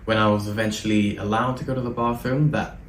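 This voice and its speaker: A man with a lowish, fairly even voice speaks fast as an interview guest, earnest and hesitant with frequent ums. The conversational interview is recorded in an echoey room on a distant mic, with faint background noise.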